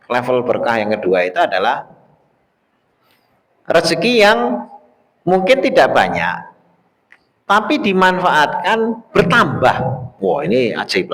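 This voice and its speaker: A man preaching at an evening religious study, telling a story with lively, acted-out dialogue. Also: fairly high pitch. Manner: lively storytelling, acts out quoted voices. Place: mosque study hall. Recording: long hall reverb.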